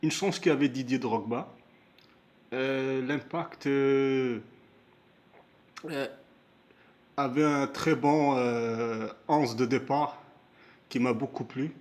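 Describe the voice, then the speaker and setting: A man's voice: mid-range voice, takes it slowly, pauses often, a little mellow. A man giving his spoken opinion on a football match, hesitant, with many fillers and restarts. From Canada, Montreal area. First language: Moroccan heritage; first language not stated. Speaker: amateur football commentator. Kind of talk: casual spoken match analysis.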